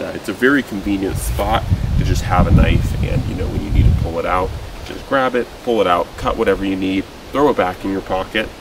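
Young male outdoors host, deep gravelly voice, relaxed chatty delivery, open-air take from a camera set back. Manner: relaxed, conversational, with frequent fillers and restarts. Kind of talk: casual gear talk to camera. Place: outdoors by a truck in a forest clearing. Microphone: camera at a distance. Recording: distant mic with loud outdoor noise.

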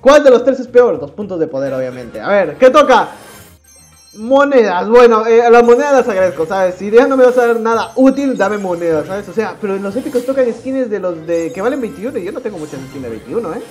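A young man giving casual, excitable commentary while opening rewards in a game, swinging between groans and shouts. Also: high voice. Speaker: gaming YouTuber.

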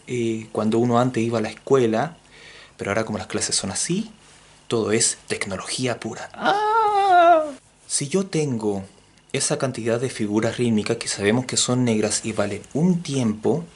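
A Chilean man teaching music theory in a playful video lesson, joking as he goes and counting beats out loud. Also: medium pitch, breathy edge. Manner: jokey, animated, counts beats aloud.

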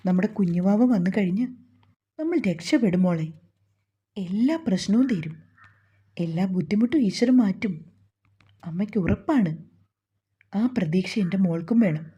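A fretful, loving mother, voiced by a woman storyteller soothes and pleads in a mellow, breathy voice. The recording sounds dull and lo-fi. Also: mid-range voice, lively intonation, moderate pace, long pauses. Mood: soothing, worried. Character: anxious, loving middle-aged mother comforting her daughter.

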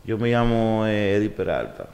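A man's voice: lowish voice, normal speed, gravelly, darkish tone. A man in his forties, born in Puerto Rico and raised in New York, talking casually as a guest in a studio interview. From Puerto Rico, raised in New York and the Dominican Republic. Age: 40s. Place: podcast studio. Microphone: desk mic on boom arm.

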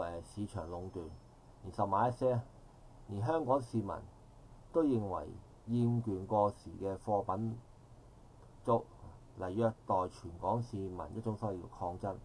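At an outdoor park forum, a middle-aged audience member with a Hong Kong Cantonese accent makes a long, meandering public comment, choosing formal wording and correcting himself repeatedly. His pitch is fairly low, and slight background noise is present.

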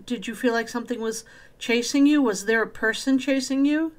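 Higher-voiced woman, casual paranormal vlog host. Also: brisk. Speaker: host of a spirit box session. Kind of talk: casual vlog intro and slow questioning of a spirit.

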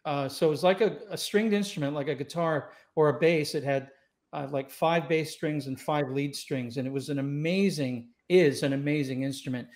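A man in his sixties with a fairly high, darkish voice speaks at a moderate pace, a saxophonist guest born in Scotland and raised in Los Angeles. He spins easygoing, reflective stories laced with fillers and restarts in a relaxed interview. The video call is recorded on a boom-arm studio mic in a home room with wooden doors and shelves.

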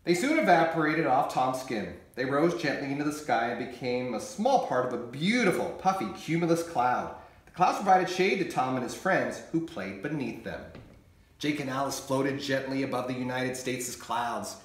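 Animated man reading a children's story. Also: medium pitch, normal speed, roomy sound. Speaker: meteorologist and author reading his book. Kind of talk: children's story read-aloud.

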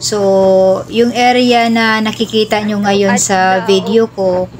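Casual Visayan woman, chatty vlogger voice, mid-pitched, recorded on a phone from a moving motorbike, faint background noise. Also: level tone, takes it slowly. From Visayas, Philippines. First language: Cebuano (Bisaya). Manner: chatty, rambling, gives road-safety advice. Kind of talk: casual travel vlog narration. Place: riding pillion on a motorbike outdoors.

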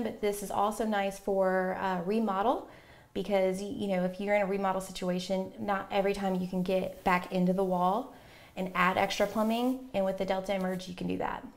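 Confident woman explaining plumbing products. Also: medium pitch. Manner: confident, explanatory, with frequent fillers. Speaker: plumbing supply rep. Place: inside a home bathroom.

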